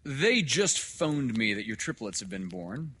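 Man doing a loud, pompous old doctor. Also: lowish voice, animated, a little slow, pitched above the performer's own voice, full character voice. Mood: jovial. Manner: loud, lecturing, emphatic. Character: overbearing, elderly male doctor, pompous and booming.

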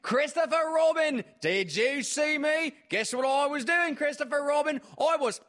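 A man voicing an excited little boy kangaroo who squeaks and shouts boastfully. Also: a little slow, exaggerated voice.

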